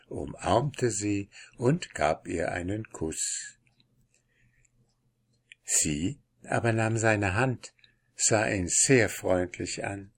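A man narrating a fairy tale in a calm, measured reading. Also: lowish voice.

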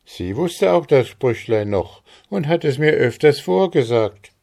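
A man putting on a gentle old widow. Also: mid-range voice, expressive, measured pace, gravelly, voice pushed up. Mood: mild. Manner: mild, secretive, soft-spoken.

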